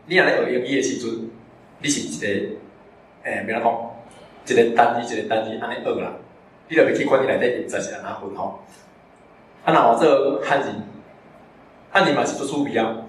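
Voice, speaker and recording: A man gives an informal talk to an audience in a bookstore, chatting rather than reading, with frequent tag particles and questions put to the listeners. He sounds far from the recorder, in a strongly reverberant room. A faint hiss sits under his voice. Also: medium pitch. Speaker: guest speaker at a public talk. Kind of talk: informal public lecture. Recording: very echoey room, distant mic, faint noise.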